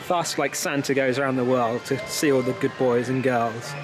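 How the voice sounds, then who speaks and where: A young British man vlogs from a theme park, chatting casually to a camera held at arm's length outdoors. His medium-pitched voice is fairly even in intonation and moves at normal speed, with music playing behind him.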